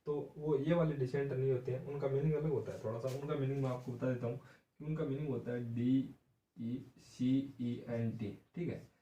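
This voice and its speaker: A male teacher gives an exam-prep English vocabulary lesson, explaining slowly and spelling words out letter by letter. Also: mid-range voice, fairly even intonation, dark tone, slight background noise. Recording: echoey room, voice from a distance.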